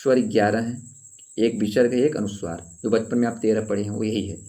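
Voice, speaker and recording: A man teaches an exam-prep grammar lesson in a low, warm, mellow voice. He asks his class questions and answers them himself. He repeats the key points so they stick. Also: steady tone, fairly quick. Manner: draws out sounds when demonstrating vowels.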